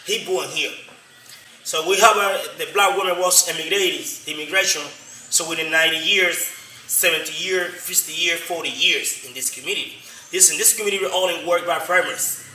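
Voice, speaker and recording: A man from Colombia with a Colombian Spanish accent, explaining his community's history as a local guide in halting, repetitive English. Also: on the high side, fairly even intonation, bright, forceful tone. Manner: halting non-native English, repetitive, frequent "you know?". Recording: roomy, distant from the mic, faint noise.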